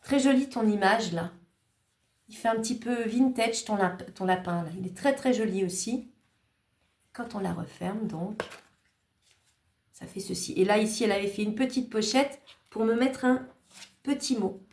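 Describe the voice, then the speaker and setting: Holding up the cards people sent her, this woman thanks each creator in a warm, talkative way with small pauses. She speaks at an ordinary pace in a mid-range, slightly mellow voice, and the room around her echoes.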